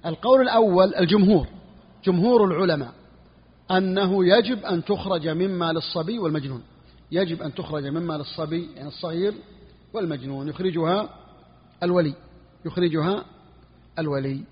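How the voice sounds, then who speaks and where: A man's voice: sits high, fast, long pauses. A man teaching a religious jurisprudence lesson, explaining a text and repeating each point for his students. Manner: repeats key phrases, asks students if clear. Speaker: sheikh teaching Hanbali jurisprudence. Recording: lo-fi, long reverb hall.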